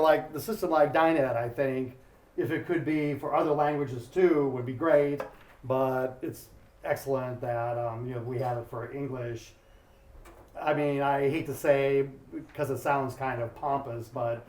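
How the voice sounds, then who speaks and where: The embassy's commercial counselor, a man from Ohio in the US Midwest, delivers an informal welcome speech in an embassy event room. His voice is medium-pitched and somewhat dark, and he fills his talk with lots of "um" and small self-deprecating jokes. The room sounds echoey.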